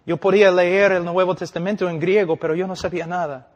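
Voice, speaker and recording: Male preacher, fairly high voice, emphatic sermon delivery that swings loud to hushed. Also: fairly even intonation, fairly quick. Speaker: pastor and missionary preacher. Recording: long reverb of a large hall.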